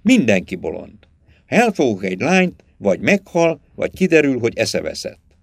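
A man's voice: medium pitch, wildly swooping pitch, gravelly, no room sound, heavily acted. A man voicing a one-eyed man in a helpless rage, his strained lines sinking into a weak lament. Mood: despairing. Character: one-eyed man, raging, despairing, unhinged.

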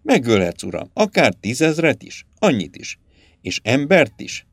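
A scheming high priest coaxes in a low, hushed, slow murmur, as a male narrator voices him. His soothing tone hides menace. Recorded dry and close, like an audiobook. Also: big pitch swings, vocal fry, husky, no echo, exaggerated voice. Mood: coaxing.

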